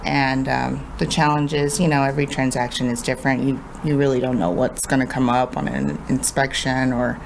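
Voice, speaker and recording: A woman with a notably deep voice chats easily on a podcast, friendly and quick to laugh. A faint hiss of noise sits under the recording. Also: steady tone, creaky, rough recording. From Honduras. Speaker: guest, transaction coordinator. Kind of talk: casual podcast chat.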